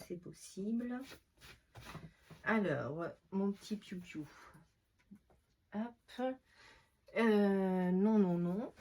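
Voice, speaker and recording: A woman with a Norman French accent talks slowly through a casual crafting tutorial. She thinks aloud and murmurs half to herself as she works. A faint background hiss sits under her voice. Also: on the low side. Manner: thinks aloud and mutters to herself while working. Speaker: crafter showing card-making.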